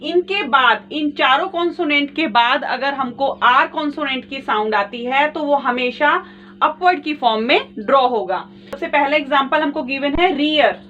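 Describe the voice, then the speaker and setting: A woman's voice: high-pitched, normal speed, fairly bright tone. A woman teaching a shorthand lesson step by step, patient and repetitive, calling her viewers friends. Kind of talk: step-by-step tutorial explanation. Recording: distant, dull lo-fi mic with faint noise.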